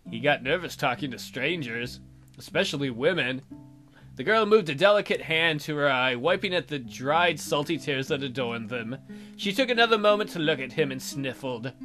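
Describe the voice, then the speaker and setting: With faint guitar music in the background, a man hosting a let's play reads a visual novel aloud, narrating dramatically and tossing in joking asides. His voice is fairly high, bright and forceful.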